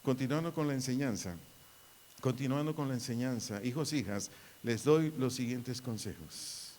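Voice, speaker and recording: A man's voice: medium pitch, moderate pace, a little mellow, a little hiss or hum. A middle-aged man with a Mexican Spanish accent preaching a sermon, repeating his phrases and calling on the sons and daughters. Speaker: pastor. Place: church hall. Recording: hall reverb.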